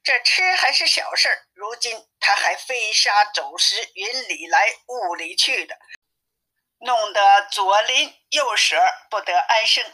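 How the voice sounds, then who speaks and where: A woman's voice: medium pitch, sharp tone, rough recording. A woman voicing a worried old man, an anxious father, in a storybook reading. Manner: anxious, complaining. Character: worried old male landlord, fretful father.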